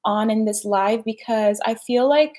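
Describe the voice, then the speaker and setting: A woman's voice: fairly high pitch, a little slow, darkish tone. Chatty young woman on a livestream. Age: young adult. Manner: chatty, slangy, full of "like" and "right?". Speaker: personal development host. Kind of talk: casual live-stream chat.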